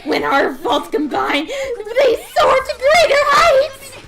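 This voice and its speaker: A woman voicing a manic, giggling, murderous teenage girl alter ego, shouting and cackling through her lines over game music. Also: extremely high pitch, very animated, takes it slowly, very noisy, pitched above the performer's own voice, exaggerated voice.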